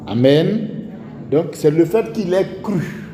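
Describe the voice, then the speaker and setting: Ivorian preacher in an echoey hall. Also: male voice, fairly high pitch, expressive, slow, mellow. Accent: Ivorian French. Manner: storytelling with rhetorical questions. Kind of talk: sermon. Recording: echoey hall with faint music.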